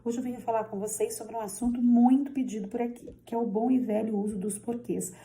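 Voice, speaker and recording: Woman, grammar teacher, gravelly voice, very mellow and dark tone, didactic, repeats the rules. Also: a little high, fairly even intonation, fairly quick, slight background noise. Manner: didactic, repeats key rules, frequent "tá?" checks. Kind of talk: social media grammar lesson.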